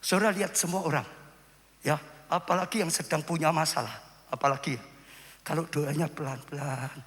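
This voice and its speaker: Pastor, fairly high voice, dramatic preaching, hush to shouting, long church echo. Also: male voice, fairly even intonation, a little fast. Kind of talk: sermon. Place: church sanctuary. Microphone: live-stream church microphone.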